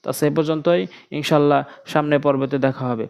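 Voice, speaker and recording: A man's voice: on the high side, fairly even intonation, fairly quick, creaky, a little mellow, smooth, lo-fi sound. A man gives a Quran pronunciation lesson. He says Arabic letters one by one in paired contrasts, repeating each several times, then explains how the tongue and lips should form them. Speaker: Quran teacher.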